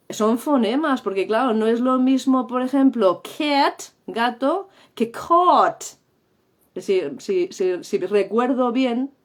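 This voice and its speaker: A middle-aged woman from Spain, Spain Spanish accent, gives a playful, theatrical English lesson over a livestream and acts out the sounds. Her voice is a little high and a little mellow.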